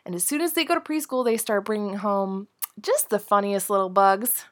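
A woman's voice: medium pitch, normal speed. A woman in her thirties hosting a casual solo podcast from her home office, chatty and bubbly with frequent laughs, her voice nasal from a head cold. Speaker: podcast host.

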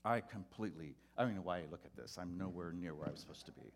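A man preaching a sermon as a pastor, telling a personal story and loudly acting out the voices in it. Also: deep voice, rapid-fire, gravelly, a little hiss or hum. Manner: animated, acts out voices loudly in quotes.

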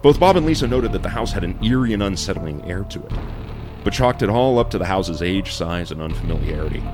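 Male horror storyteller, lowish voice, ornate theatrical vintage fright-show narration over clear music. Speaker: podcast host and narrator. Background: music behind the voice.

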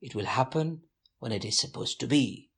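A man speaks slowly and earnestly, as though reflecting aloud for an interviewer. His voice has a gravelly edge and a husky grain throughout. The tone stays devout and measured. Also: mid-range voice, animated, fairly bright tone.

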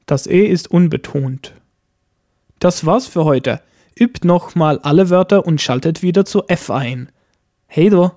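A man leads a scripted pronunciation lesson in an unhurried, deliberate way. His voice is fairly high for a man yet soft and mellow, and it sits dry and close to the mic. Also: no echo. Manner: slow, careful, model words spoken for repeating. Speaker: language teacher.

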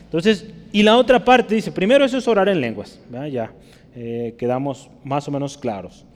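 A man's voice: on the high side, normal speed. A man teaching a sermon as a pastor, explaining scripture in a didactic way and checking with his listeners through constant tag questions. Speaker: pastor teaching a Bible study. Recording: long hall reverb.

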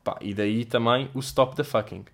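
Picture a young man with a European Portuguese accent ranting comically straight to camera. He swears freely and jumps into silly voices and sound effects while telling his stories. His pitch sits right in the middle for a man. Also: normal speed, gravelly. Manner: swears a lot, animated storytelling with mock voices and sound effects. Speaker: host answering viewer questions. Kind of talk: casual comedic monologue.

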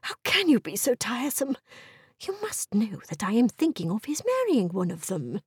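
A woman voicing a fussy, excitable, scheming middle-aged mother in a period novel audiobook, with a fluttery, gushing, exclaiming manner. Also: fairly high pitch, normal speed, breathy edge, no echo, studio quality, heavily acted. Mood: exasperated.

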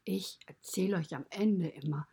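Brief: cozy farmyard animal storyteller, whispered and gravelly, lowish, voiced by a woman. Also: moderate pace, dark tone. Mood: friendly. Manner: mostly whispered, chatty and confiding. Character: friendly stable animal narrator, fond of children. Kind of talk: children's podcast storytelling.

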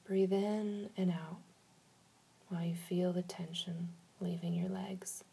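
Soft, breathy woman guiding relaxation. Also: fairly low pitch, level tone. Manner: soft, breathy, soothing, with long pauses. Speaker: guided relaxation instructor. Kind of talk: guided meditation, slow instructions.

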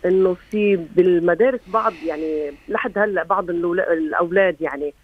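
A man with a Levantine accent calling in over the phone with a question. He pauses often and searches for his words. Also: sits high. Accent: Levantine Arabic. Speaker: caller. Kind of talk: call-in question. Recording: dry tinny phone line.

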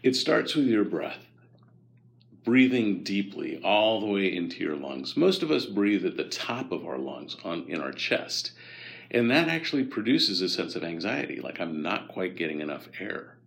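Guest expert, male, very low and gravelly, calm and instructive, patient explainer. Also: normal speed. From United States. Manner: calm, guiding, gently instructive. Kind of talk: explanatory interview talk.

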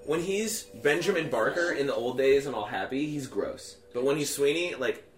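Crude joking man, lively pitch. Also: normal speed. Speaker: podcast host watching a film with friends. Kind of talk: casual chat. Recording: roomy echo with film music behind. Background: film soundtrack music.

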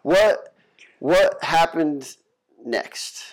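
A man's voice: fairly high pitch, animated, drawn-out words. Friendly, chatty male interviewer. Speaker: interviewer host. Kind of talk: casual interview conversation. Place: guest's home.

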